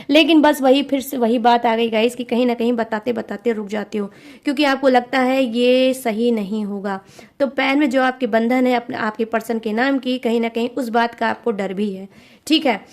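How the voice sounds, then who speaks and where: A young woman giving a tarot reading to her viewers, speaking in a repetitive, coaxing way and often checking in with "okay?". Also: fairly high pitch. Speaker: tarot reader.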